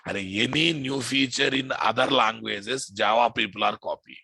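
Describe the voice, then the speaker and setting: A programming instructor with a Telugu Indian English accent lectures informally in a medium-pitched, creaky, slightly rough voice with a sharp tone, speaking at a moderate pace. He is emphatic, repeats phrases, and keeps checking in with the class through questions. The recording is dry.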